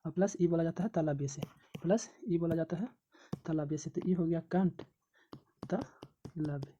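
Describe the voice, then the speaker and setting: A woman's voice: low-pitched, fairly quick, warm tone, lo-fi sound, a little hiss or hum. A woman teaching an exam coaching lesson, repeating syllables and terms over and over as she drills them. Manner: repetitive, drills syllables aloud.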